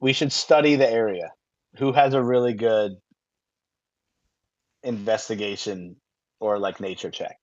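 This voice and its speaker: A man's voice: lowish voice, a little slow, long pauses, no room sound, highs cut off. A man playing a tabletop game, talking casually and a little hesitantly. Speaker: player.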